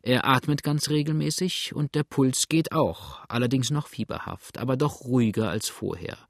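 A man voicing a small, brisk, callous male country doctor who talks in a clinical, eager way and often exclaims. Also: medium pitch, gravelly, dry recording, studio quality.

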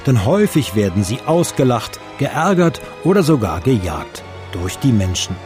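A man giving calm, explanatory scripted narration. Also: medium pitch, moderate pace. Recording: music playing under the voice.

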